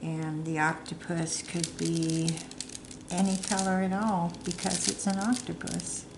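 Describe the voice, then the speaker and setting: A middle-aged woman talks slowly, in a chatty, meandering way, as she works on a craft project. Her voice sits a little low. The room sounds echoey, and steady noise and crinkling carry through the recording. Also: creaky. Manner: rambling, chatty, self-deprecating. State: hiccups. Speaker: crafting vlogger. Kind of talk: casual chat while crafting.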